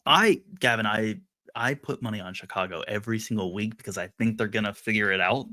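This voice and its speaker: A man's voice: on the low side, fairly quick, bright, forceful tone. A man co-hosting a sports podcast in casual chat, playful and teasing with his co-host.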